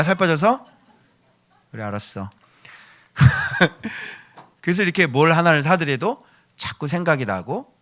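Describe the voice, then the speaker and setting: A male pastor preaching a sermon, acting out quoted people and shifting between loud outbursts and hushed asides. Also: on the high side. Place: church.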